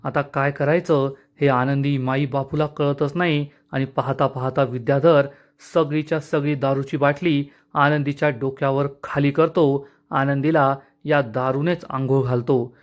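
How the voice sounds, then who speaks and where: A man's voice: medium pitch, level tone, unhurried. A man narrating a recap of a TV serial episode in a dramatic storytelling manner.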